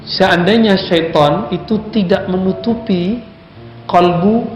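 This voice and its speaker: A man preaching a sermon in a lively, conversational way, often putting questions to his audience. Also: high voice, slow, echoey room, soft background music. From Indonesia.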